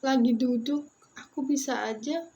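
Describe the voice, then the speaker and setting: A young woman telling a personal story in a vlog, halting and close to tears, tired, with many restarts. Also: high-pitched, mellow, muffled recording. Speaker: vlogger. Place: isolation ward room.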